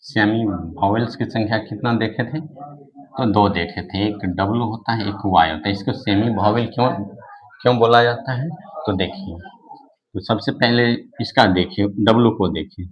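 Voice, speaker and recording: A man's voice: lowish voice, moderate pace, muffled recording. A man teaching an English lesson, who keeps asking questions and answering them himself, with many repeats and restarts. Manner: repeats himself and restarts often, fillers like "nahin". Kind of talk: classroom-style lesson explaining English in Hindi.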